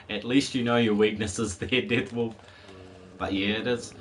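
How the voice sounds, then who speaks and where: There's a little hiss or hum behind this man in his forties as he chats casually during a game stream. His medium-pitched voice is fairly bright, though still a bit worn from a cold, and he rambles and laughs easily.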